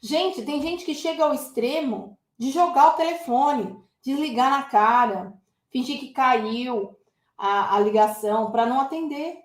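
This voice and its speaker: Teacher, woman, high voice, chatty and direct with viewers, echoey room. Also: a little slow. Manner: lively, addresses viewers as "gente". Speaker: English teacher. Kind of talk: casual online English lesson.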